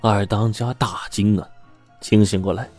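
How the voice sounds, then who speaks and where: A man narrating a ghost story in a steady, suspenseful telling. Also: fairly low pitch, moderate pace, soft background music.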